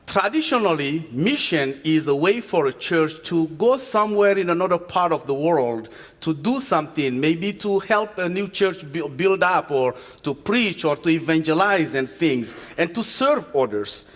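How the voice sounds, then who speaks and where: A man from Chad giving a guest sermon, speaking earnestly and measured, often restarting his words. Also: fairly high pitch, sing-song. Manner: earnest, measured delivery with frequent restarts and fillers. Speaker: guest preacher from a refugee agency. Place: church sanctuary. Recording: long reverb from a church sanctuary.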